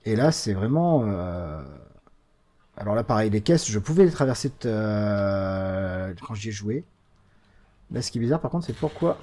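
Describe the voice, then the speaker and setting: A man giving casual, chatty commentary while playing a video game as host of a let's play, mocking it with frequent hesitations and lively swings in pitch and loudness. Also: a little slow.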